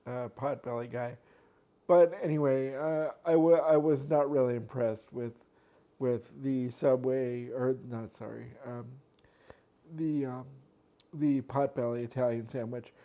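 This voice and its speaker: A man's voice: mid-range voice, warm tone. A man eating on camera and chatting at home, rambling with lots of fillers and restarts. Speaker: mukbang vlogger. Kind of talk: casual chat while eating. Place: home, at a desk by a laptop.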